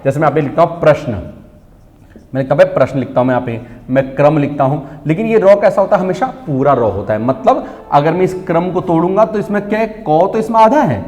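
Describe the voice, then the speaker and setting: A man teaching a Hindi spelling lesson, constantly asking questions and answering them himself, drawing out key words slowly. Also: on the high side, darkish tone. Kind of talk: classroom-style online lesson. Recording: long reverb.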